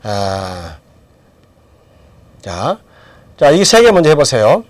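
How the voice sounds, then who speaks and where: Lively-voiced man teaching English grammar. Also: mid-range voice, extremely slow, no room sound. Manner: asks questions and answers them himself. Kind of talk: lecture with drills.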